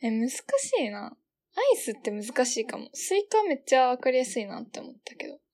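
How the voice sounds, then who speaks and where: A woman's voice: on the high side, sing-song, fairly quick, darkish tone. A young woman with a Kansai accent co-hosting a podcast, chatting casually and laughing often. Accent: Kansai Japanese. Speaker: podcast co-host. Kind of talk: casual chat.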